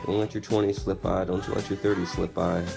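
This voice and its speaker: Here a young podcast host, in his twenties, talks fairly quickly in a low, flat voice with vocal fry. He's giving a blunt, casual, candid motivational monologue over background music.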